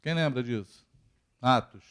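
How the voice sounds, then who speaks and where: Brazilian male pastor, mid-pitched, conversational church sermon full of questions to the pews. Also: a little slow, a bit bright, smooth. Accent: Brazilian Portuguese. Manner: conversational preaching, rhetorical questions to the congregation.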